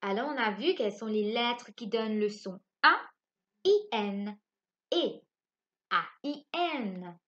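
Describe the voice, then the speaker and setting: A woman teaching a phonics lesson to young children from home. She spells out letters slowly and keeps asking the class if they follow. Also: on the high side, expressive, a bit bright, lo-fi sound. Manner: slow, spelling out letters and asking checking questions. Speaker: primary school teacher.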